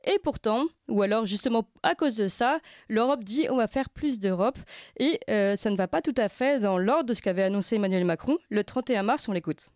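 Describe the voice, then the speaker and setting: A woman's voice: on the high side, brisk, few pauses, dry recording. Emphatic woman radio host, dry studio sound. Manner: emphatic, lively stresses on key words. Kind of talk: radio talk show presenting.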